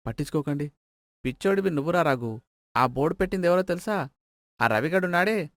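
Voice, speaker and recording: A woman's voice: sits low, no room sound, voice pushed down, natural voice. A woman voicing a mocking young village man who taunts his friend with a sneering manner.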